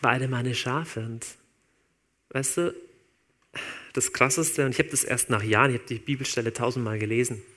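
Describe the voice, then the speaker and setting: A man preaching a sermon in a relaxed, informal way, talking straight to his listeners. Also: mid-range voice, normal speed, long pauses. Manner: conversational, informal, addresses listeners directly.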